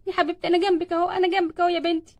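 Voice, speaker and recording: A fond older grandmother in a children's doll story, voiced by a woman with an Egyptian Arabic accent. She coos softly and soothingly in a high, fast voice. The sound is dry and up close. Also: level tone, no echo. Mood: doting. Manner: soft, doting and soothing.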